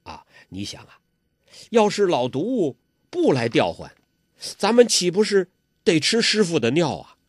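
A man voicing an earnest, simple young man who speaks low and quietly. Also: wildly swooping pitch, unhurried, husky, dry recording, studio quality, full character voice.

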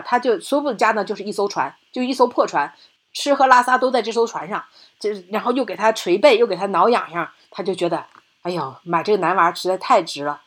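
A woman hosting a podcast, animatedly retelling a film plot in casual storytelling and often checking in with her listener. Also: mid-range voice. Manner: animated, chatty, asks "对吧?" often. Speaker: podcast host.

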